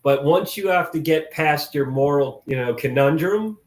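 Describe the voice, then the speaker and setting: A man's voice: on the high side, animated, normal speed. Thoughtful man in an echoey room. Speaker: guest. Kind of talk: casual chat. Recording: echoey room with faint noise.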